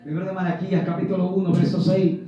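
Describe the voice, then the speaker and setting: Ecuadorian evangelist preaching in an echoing hall. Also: male voice, sits high, fast. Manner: animated, rhetorical questions to the congregation, acts out little dialogues. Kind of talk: Pentecostal sermon. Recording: very echoey room, voice from a distance, faint noise.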